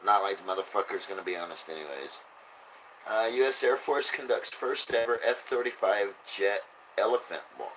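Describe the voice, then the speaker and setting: A man's voice: lowish voice, moderate pace, fairly bright tone, slight background noise, low-quality recording. A man who sounds drunk, rambling through casual, blunt, sweary commentary as he reads out headlines. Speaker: host reading and reacting to news.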